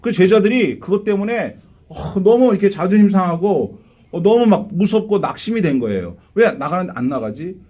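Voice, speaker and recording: A male pastor delivers a live Sunday sermon in a church, with a high voice whose pitch rises and falls widely. He keeps asking the congregation questions and acts out the quotes in his stories. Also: lively intonation, normal speed, mellow. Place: church sanctuary.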